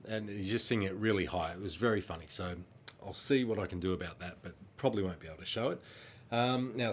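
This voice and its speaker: A fairly low-pitched man's voice comes with a slight hiss or hum. He's a middle-aged Australian and ex-children's band singer, his nose blocked by a cold, casually rambling through fan questions in a friendly way with plenty of ums.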